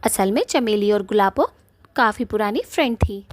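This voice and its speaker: A woman's voice: mid-range voice, normal speed. Woman narrating a cartoon story. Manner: plain, steady storytelling.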